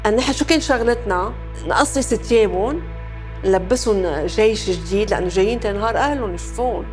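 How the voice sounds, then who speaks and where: Give me a Lebanese woman with a mid-pitched voice, giving conversational testimony sprinkled with French, soft music underneath. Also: fast. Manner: mixes French phrases into speech. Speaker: interviewee recalling war experience. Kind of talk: personal testimony, conversational storytelling.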